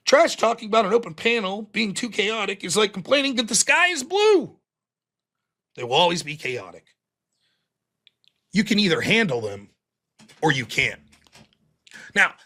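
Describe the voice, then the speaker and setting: A man's voice: high voice, bright, forceful tone. A man streaming a heated, profanity-laced rant about a panel debate, talking indignantly and defensively. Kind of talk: heated ranting monologue.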